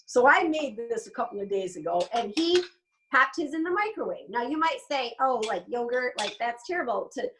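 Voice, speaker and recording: Cooking-class host, woman, chatty and explanatory, higher voice, mic at a distance. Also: big pitch swings, normal speed, a bit bright, a little hiss or hum. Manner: chatty, explains as she goes. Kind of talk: casual cooking demonstration.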